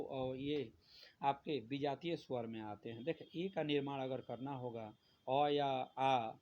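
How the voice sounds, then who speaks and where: A man's voice: medium pitch, darkish tone. A male teacher giving a grammar lesson, repeating each point and asking the class questions that he answers himself. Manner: repetitive, asks questions then answers them. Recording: dull lo-fi sound with faint noise.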